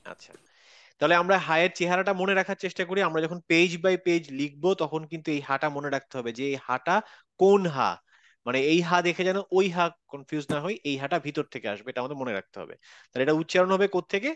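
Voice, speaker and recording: A man's voice: on the high side, brisk, fairly bright tone, dry recording, muffled recording. A man with a Bangladeshi Bengali accent teaching an online Quran class, patiently repeating sounds to demonstrate them. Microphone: video call.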